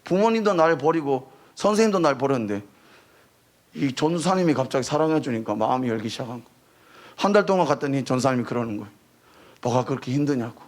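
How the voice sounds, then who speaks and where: A man giving a sermon as a missionary preacher, telling his testimony in an animated, storytelling way and rising to emotional near-shouting at the high points. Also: fast talker. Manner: animated storytelling, acting out quoted voices. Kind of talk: sermon testimony to a youth service.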